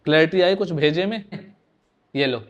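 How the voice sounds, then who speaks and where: A man's voice: on the high side, normal speed, muffled recording. A male teacher giving an online exam-prep lecture in with terms, often putting questions back to his students and drilling the answers.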